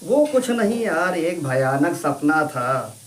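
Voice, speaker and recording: A man voicing an affectionate middle-aged husband, gentle and coaxing, in a storybook reading. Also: a little high, very animated, slow pace. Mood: tender.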